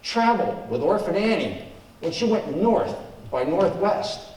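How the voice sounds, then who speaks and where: An animated male performer hosts a live show in a studio before an audience, delivering a scripted stage introduction and comic patter. His voice is high and unhurried. Picked up by a distant microphone, the noisy stage recording sounds roomy.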